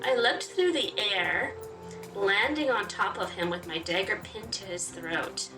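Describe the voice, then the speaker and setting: In a let's play, a woman chats and reacts while reading the game's story text aloud with expression. She speaks at a medium pitch and measured pace, recorded from a distance in a roomy space with game music behind her.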